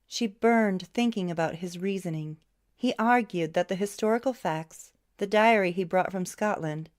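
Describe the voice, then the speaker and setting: A woman reading a novel aloud as an audiobook narrator, in a steady, even storytelling way. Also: fairly low pitch. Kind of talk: scripted narration.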